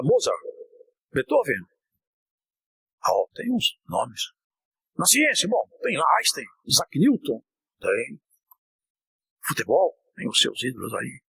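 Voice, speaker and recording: A man preaching an impassioned sermon, at times shouting and at times dropping low. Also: vocal fry, slightly rough, poor audio. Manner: impassioned, often shouting, swinging from high to low.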